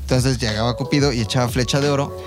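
Speaking quickly in a mid-range voice with fairly even intonation, this man tells history like informal gossip, using slang and imagined quotes. He's a podcast co-host with a Mexican accent, and music runs underneath.

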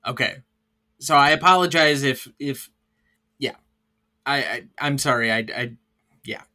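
A man's voice: medium pitch, unhurried, pushed and bright. A man hosting a casual film podcast, running through scenes and stammering at times. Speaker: podcast host.

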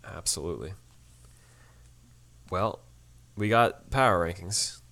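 A man's voice: low-pitched, slow, creaky, pushed and bright. A man co-hosting a podcast in easygoing casual chat about a TV episode, often tossing in "man" and laughing. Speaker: podcast co-host.

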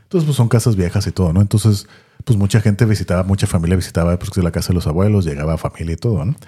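A man tells a long personal story in relaxed podcast chat. His voice is very low and dark with a husky edge, and he talks fast. He repeats words and keeps tagging his sentences with little questions. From Tijuana, Mexico. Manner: rambling, repeats words, many tag questions. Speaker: podcast co-host.

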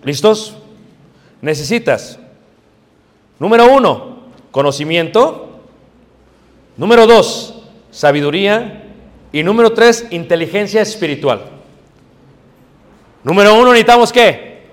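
A man from Mexico City with a Mexico City Spanish accent, preaching a lively sermon to young people and asking them questions. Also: sits high, a little slow, pauses often, long reverb tail. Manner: lively, joking, asks the audience questions. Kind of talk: sermon to youth.

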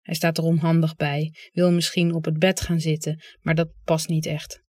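An audiobook reader giving calm, understated first-person literary narration. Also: medium pitch, moderate pace, no echo.

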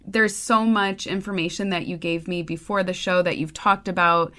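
A woman with a lowish voice hosting a podcast interview. She talks things through in a reflective, casual way and laughs easily. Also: steady tone, normal speed, sharp tone. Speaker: podcast host.

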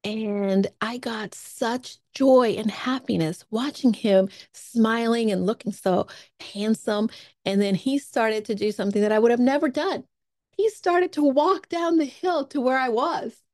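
A woman podcast host telling a personal travel story in a lively way, acting out her own thoughts as quotes. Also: fairly high pitch, a little slow, no echo, studio quality.

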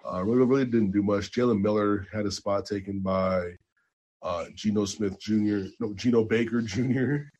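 A man co-hosting a podcast, chatting casually about basketball transfers with animated jumps in excitement. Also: on the low side, normal speed. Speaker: podcast co-host. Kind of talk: casual sports chat.

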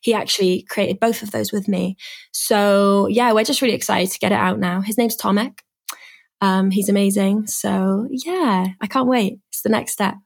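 A woman's voice: mid-range voice, steady tone, normal speed, gravelly. A young woman from Swansea with a Welsh accent, chatting casually and informally as an interview guest. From Swansea, Wales. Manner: informal, frequent "like". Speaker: guest, singer and music artist. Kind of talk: casual chat.

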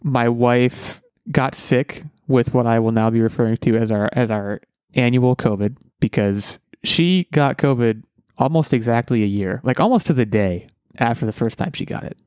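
A man's voice: medium pitch, normal speed, a little mellow, clear, resonant tone, no room sound. Guy hosting a podcast, rambly and jokey, mid voice, dry close mic. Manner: rambling and jokey, full of fillers and restarts. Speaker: podcast host. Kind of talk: casual podcast chat.

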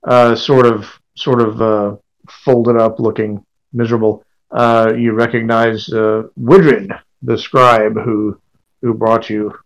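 A man narrating a tabletop game as game master, improvising haltingly as he searches for words. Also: fairly low pitch, level tone, lo-fi sound.

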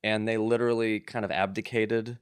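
A man in his forties with a fairly low voice, chatting as a guest in a casual interview. He rambles in a relaxed way and leans on fillers like "um" and "like" as he tells his stories. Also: brisk, clean tone, dry recording, studio quality. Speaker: guest composer.

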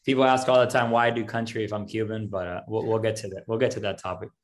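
Fast and level in tone, this fairly low male voice belongs to a country singer in his thirties from Miami, United States, whose first language is Spanish. As a podcast guest in a relaxed interview, he wanders off on tangents and leans on "um" and "you know."

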